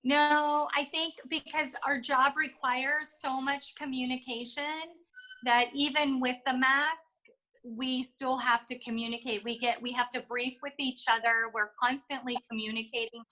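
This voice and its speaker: A woman's voice: high-pitched, level tone, a little slow, bright, forceful tone, poor audio. A woman giving interview answers as a flight attendant, explaining things in a chatty way with examples.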